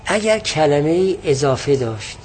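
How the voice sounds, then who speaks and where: A man with a fairly high voice teaches a religious text in a classroom lecture. He speaks patiently and explains each term step by step, often repeating his definitions. A faint hum of room noise sits behind him. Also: sing-song, a little mellow.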